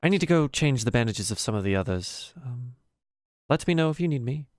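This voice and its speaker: A practical elf woman tends the wounded in a tabletop fantasy game, acted out by a man. The delivery is calm, hesitant and matter-of-fact, at a middling male pitch in a dry recording. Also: a little fast, no echo, close to an everyday voice. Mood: apologetic. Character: calm practical female elf field medic.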